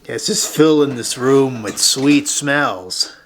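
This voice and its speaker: A woman chatting in a relaxed, easygoing way while trying cookies at home for a vlog. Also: very deep voice, takes it slowly, crowd noise. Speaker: vlogger. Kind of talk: casual home vlog chat. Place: home kitchen.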